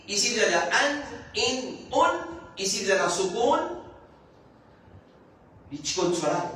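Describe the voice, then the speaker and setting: High-voiced Mauritian man teaching in an echoey hall. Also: fairly bright tone, slight background noise. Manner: repetitive, explains letter by letter, switches into Arabic recitation. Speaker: religious teacher. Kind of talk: mosque class lecture. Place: mosque hall. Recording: echoey distant room recording.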